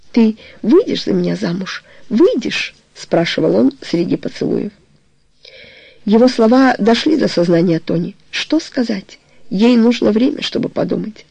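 A woman reading a romance novel aloud as an audiobook narrator, in an even, measured way. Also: mid-range voice, creaky, breathy edge, no room sound.

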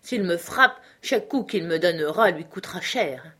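A woman's voice: fairly low pitch, lively intonation, normal speed, a bit bright, slightly rough. A woman reading the part of a cowardly middle-aged male doctor who fawns and pleads. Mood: indignant. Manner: obsequious, pleading.

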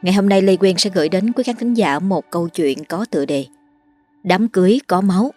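A woman host narrating a late-night ghost story in a polite, measured way. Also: mid-range voice, a little mellow. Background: faint background music.

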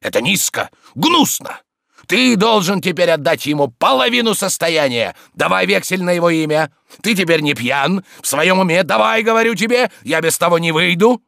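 A man voicing a coarse, bullying middle-aged man who shouts insults and accusations. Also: high-pitched, lively intonation, normal speed, gravelly, no room sound, studio quality, pitched above the performer's own voice, heavily acted. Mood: yelling.

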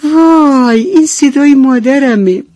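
A woman voicing a small lost duckling in a radio bedtime story, with a high, tearful, pleading manner. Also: steady tone, a little mellow, dry recording, close to an everyday voice. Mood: overjoyed. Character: frightened lost little duckling, young, small.

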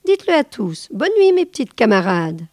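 A woman's voice: fairly high pitch, big pitch swings, moderate pace, no room sound, studio quality, pitched above the performer's own voice. A woman voicing a proud, stern female giant boa who speaks firmly, in a storybook reading. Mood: commanding. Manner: commanding, firm.

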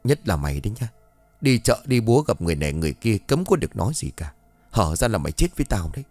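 A man's voice: fairly low pitch, big pitch swings, quick pace, darkish tone, no room sound, faint music behind. A man voicing a stern, bossy old woman who scolds her servants in a ghost story. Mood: stern warning.

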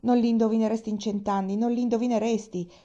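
A woman voicing Nancy, an excited young housemaid full of gossip, in a storybook reading. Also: medium pitch, moderate pace, gravelly, lo-fi sound. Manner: excited, breathless, insistent.

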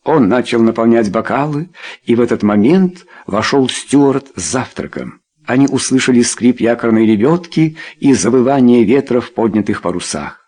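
A man narrating a novel as an audiobook, reading with lively expression. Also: mid-range voice, moderate pace, husky. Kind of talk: scripted narration of a novel, voicing all characters.

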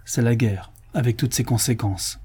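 A man reading the part of a stern, calm middle-aged father with a deep voice, speaking in a controlled way. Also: moderate pace, breathy edge. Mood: grave. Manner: calm, controlled, bitter irony.

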